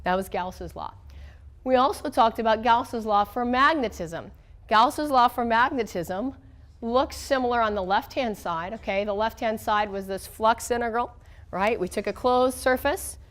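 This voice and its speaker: Woman, American accent, higher-pitched, weak cold-affected voice, conversational classroom lecturing, frequent check-ins. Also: unhurried. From southern United States. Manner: conversational, checks in with okay and all right. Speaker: physics lecturer.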